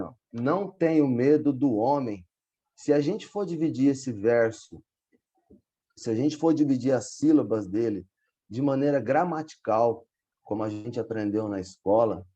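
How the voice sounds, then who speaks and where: A man's voice: mid-range voice, dark tone, husky, lo-fi sound. A man teaching a poetry workshop over a video call, explaining step by step and often checking in with his students. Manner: patient, explains step by step with frequent check-ins. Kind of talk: online class explanation.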